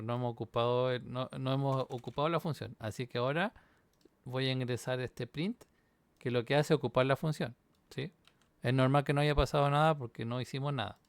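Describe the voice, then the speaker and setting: A man's voice: mid-range voice, clear, resonant tone, dry recording. A university instructor, walking through a programming exam solution on screen and checking in with the class as he goes. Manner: explains step by step, checks in with "¿sí?". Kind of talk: screen-recorded coding walkthrough.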